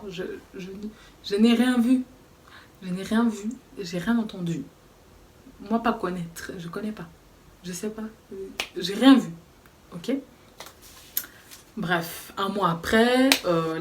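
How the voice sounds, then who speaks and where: Jeune femme qui raconte une anecdote avec entrain. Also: female voice, fairly low pitch, far from the mic. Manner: lively, animated, conversational, addresses viewers directly. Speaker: vlogger. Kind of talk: casual storytime.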